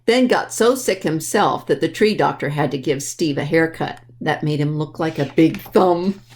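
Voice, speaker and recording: Reading a picture book to children during a library storytime, a woman speaks at normal speed in a low, darkish voice, with slight background noise. She explains simply and addresses the young listeners directly.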